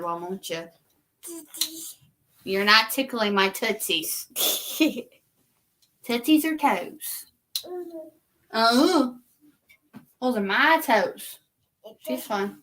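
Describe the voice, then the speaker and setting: A woman, a young mother, chatting casually in a bedroom with a slow, teasing, folksy way of talking. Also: mid-range voice, a bit bright, a little hiss or hum. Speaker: mother of the toddler. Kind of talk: casual chat.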